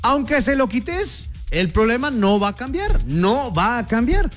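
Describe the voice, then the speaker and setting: A man co-hosting a sports talk show, speaking in an animated, excitable way with halting restarts. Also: very high-pitched, soft background music. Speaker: sports commentator. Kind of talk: casual talk show chat.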